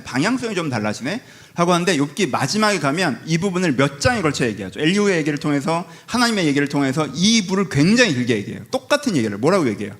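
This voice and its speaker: A man preaching a sermon in church, talking fast and in a slightly high register. He keeps asking the congregation rhetorical questions and acts out little retorts. His pitch swings widely from line to line. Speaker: pastor. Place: church sanctuary.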